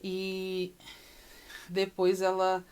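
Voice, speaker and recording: Woman, mother on a personal vlog, emotional and repetitive delivery, lots of pauses, mid-range voice. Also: mid-range voice, completely flat delivery, darkish tone, clean tone. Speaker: mother recounting her daughter's surgery.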